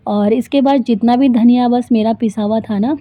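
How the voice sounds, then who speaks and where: A talkative woman in her thirties rambles through a casual vlog voice-over, full of fillers. Her voice sits fairly high. It comes across thin and tinny, like a phone line, with a dry, close sound. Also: steady tone, moderate pace, dry recording. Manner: chatty, rambling, lots of fillers. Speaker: vlogger and homemaker.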